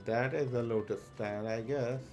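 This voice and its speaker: A live streamer offers casual commentary while playing a game, thinking aloud in a hesitant, muttering way. His mid-range voice is steady and a little mellow, at a moderate pace. Faint game music plays in the background.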